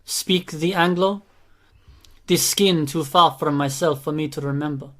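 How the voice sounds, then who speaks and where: Audiobook role: anxious, rigid young woman voiced by a male narrator, stiff thick-accented delivery, even tone. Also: fairly high pitch, measured pace, natural voice.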